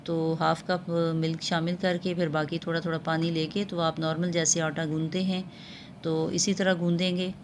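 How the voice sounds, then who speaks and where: A woman talks through a cooking lesson at home in a low, even voice. She explains patiently and fills her pauses with little hesitation sounds. A faint hiss sits behind her. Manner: calm, explanatory, with frequent filler sounds. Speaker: cooking channel host. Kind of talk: home cooking tutorial voice-over.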